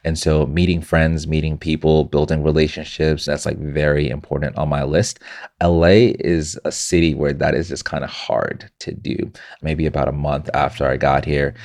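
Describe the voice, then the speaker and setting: A man with an extremely deep, low voice speaks as a podcast guest. Born in Zimbabwe, he works as a content creator and tells his own story in an earnest, reflective way. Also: level tone, moderate pace, a little mellow. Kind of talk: personal storytelling in a podcast interview.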